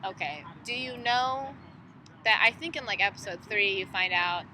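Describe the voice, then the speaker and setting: A young woman chatting casually as a podcast guest in a park, talking quickly with lots of "like" fillers. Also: medium pitch, bright, forceful tone, rough recording. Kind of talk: casual chat. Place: outdoors in a city park. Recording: faint outdoor street noise.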